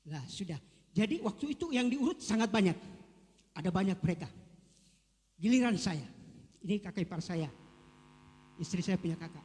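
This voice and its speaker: A man's voice: high-pitched, lively intonation, moderate pace, pauses often, darkish tone. A male pastor preaches a sermon in a church. His delivery is emphatic and he keeps repeating key words. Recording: long church reverb.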